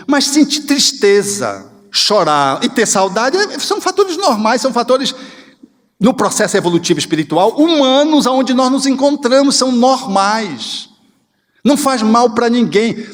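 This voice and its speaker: A man giving a spiritual lecture in an animated, expressive way, acting out little scenes. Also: high-pitched. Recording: reverberant hall.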